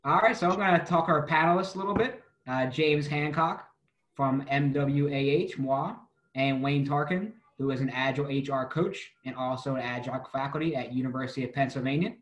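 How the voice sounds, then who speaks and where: A man's voice: medium pitch, brisk, fairly bright tone, roomy sound. A man hosting and moderating a panel discussion over a video call, in a friendly, conversational way. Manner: upbeat, conversational. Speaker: webinar host.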